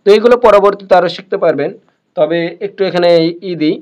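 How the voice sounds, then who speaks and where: A man teaching a beginners' reading lesson, sounding words out slowly and repeating each one many times. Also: high-pitched, a little mellow, dull audio. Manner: slow, repeats words over and over.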